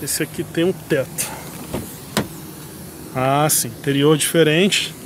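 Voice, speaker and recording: Higher-pitched Brazilian man vlogging, noisy surroundings. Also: slow. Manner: informal, thinking aloud while he works. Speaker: car reviewer. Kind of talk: casual car vlog. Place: in and around parked cars at an outdoor lot. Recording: clear car and outdoor ambient noise.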